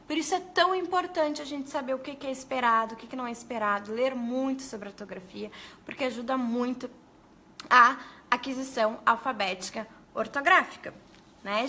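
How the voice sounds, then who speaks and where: A woman, a pedagogue, giving a lively live lesson to teachers and talking straight to her viewers. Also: a little high. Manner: lively, animated, addresses viewers as "gente".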